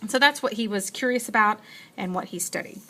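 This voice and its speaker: A woman's voice: mid-range voice, fairly quick, bright, forceful tone. A woman teacher giving a patient, explanatory science lesson, talking through what she writes as she goes. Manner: patient, explanatory, thinks aloud while writing. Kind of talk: classroom lecture.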